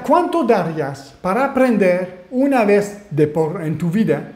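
A man with a Panamanian Spanish accent tinged with French-Canadian, hosting a live webinar as an online marketing mentor and pitching to viewers with rhetorical questions. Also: darkish tone. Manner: salesy, fires rhetorical questions at viewers, lists skills. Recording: roomy echo.

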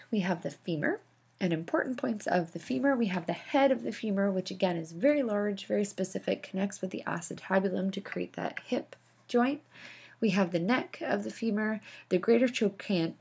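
A woman's voice: mid-range voice, gravelly, darkish tone, breathy edge. A woman instructor explaining anatomy over slides, with casual asides and fillers. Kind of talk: recorded slideshow lecture.

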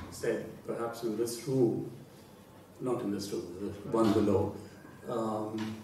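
A man asks a question from the audience, recorded at a distance in an echoey, noisy room. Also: medium pitch. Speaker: audience member asking a question. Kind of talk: question from the floor.

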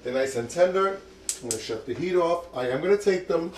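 With slight hiss or hum on the recording, this older man speaks fairly quickly in a rather high, expressive, somewhat mellow voice. As a cooking show host in his own kitchen, he keeps up friendly chatter and encourages viewers during a casual demonstration.

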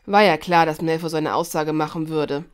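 A woman narrating a fan fiction audiobook in a lively read-aloud voice, with occasional slips and restarts. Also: low-pitched, fairly quick, smooth.

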